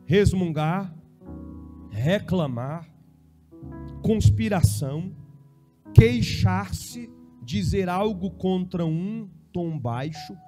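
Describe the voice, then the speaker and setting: A middle-aged male preacher with a high, lively voice that leaps from murmured impressions to full-throated shouting. Instrumental music plays clearly beneath his sermon. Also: drawn-out words, long pauses. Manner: impassioned, swings from soft mocking impressions to shouting. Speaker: bishop preaching.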